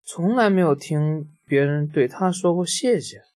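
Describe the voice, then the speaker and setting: A man reads a picture book aloud to a child at home. He is lively and playful, and he pauses now and then to explain a word in simple terms. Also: fairly high pitch. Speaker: parent reading to a child.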